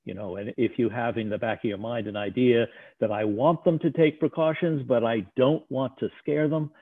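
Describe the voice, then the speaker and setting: A man's voice: mid-range voice, normal speed, no echo. A man giving a slide lecture on risk communication, talking in a discursive way with frequent fillers and restarts. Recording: tinny phone-like line, dry sound.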